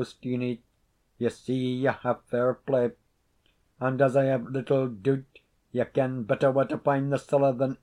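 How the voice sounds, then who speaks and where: A man voicing a stern, suspicious laird who speaks in a cold, measured, menacing way. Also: medium pitch, darkish tone, natural voice.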